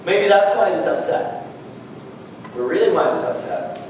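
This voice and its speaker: Male pastor, high-pitched, emphatic sermon delivery; very echoey hall, recorded from afar. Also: moderate pace, slight background noise. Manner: animated, rising to emphatic peaks, rhetorical questions. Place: church hall. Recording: echoey church hall, far from mic.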